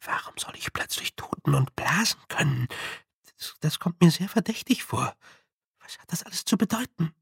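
A man's voice: a little high, expressive, unhurried, husky, no room sound, clean studio sound, pitched above the performer's own voice, exaggerated voice. A man voicing an earnest, stubborn young girl learning witchcraft, who asks firm, direct questions. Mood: puzzled.

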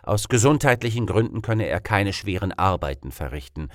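Male audiobook narrator, expressive, dry close recording, deeper voice. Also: moderate pace, no echo. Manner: expressive storytelling delivery. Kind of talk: scripted narration.

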